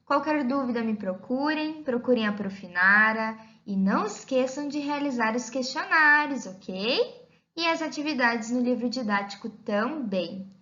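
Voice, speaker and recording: A woman with a Brazilian Portuguese accent leads a recorded lesson for young children. Her voice is bright and sits high, and she drags out each phrase in a slow, sing-song teacher style. The audio sounds a little dull and lo-fi. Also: expressive. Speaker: primary school teacher.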